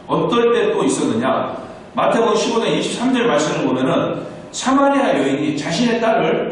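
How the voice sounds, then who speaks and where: A man's voice: high-pitched, a little hiss or hum. A man preaching a sermon as pastor, asking questions and answering them himself. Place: church sanctuary. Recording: echoey church hall, mic far off.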